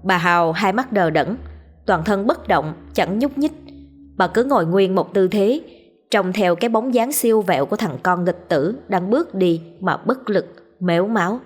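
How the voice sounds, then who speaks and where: Husky woman telling a ghost story. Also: medium pitch, lively intonation, normal speed. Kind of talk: scripted horror narration.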